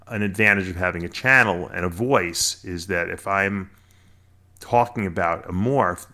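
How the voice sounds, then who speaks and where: A middle-aged American man, a bodybuilder and snake breeder, appears as a podcast guest and explains things in a talkative, emphatic way, repeating phrases as he goes. His voice is low but pushed and bright.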